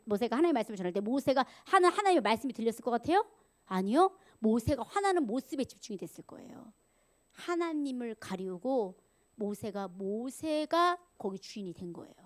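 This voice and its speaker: Woman preacher, animated sermon, acted-out angry lines, sudden whispers, fairly high voice. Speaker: evangelist preaching. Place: church sanctuary.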